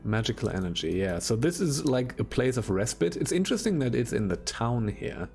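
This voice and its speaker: A man's voice: mid-range voice, big pitch swings, a little fast, creaky, darkish tone. A man casually commenting as he plays old computer games on a stream, chatty and swearing now and then, with game music behind him. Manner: chatty, swears while playing.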